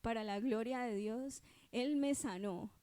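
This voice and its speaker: A woman's voice: fairly high pitch, unhurried, dark tone. A woman with a Colombian accent telling a personal testimony in a church sermon, in a conversational, earnest manner that keeps checking in with listeners. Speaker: church speaker giving testimony.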